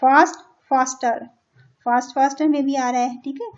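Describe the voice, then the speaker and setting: In a dull, lo-fi recording, an Indian woman with a high-pitched voice teaches a children's English lesson at normal speed with fairly even intonation. She patiently translates each line and checks in with "theek hai" as she goes.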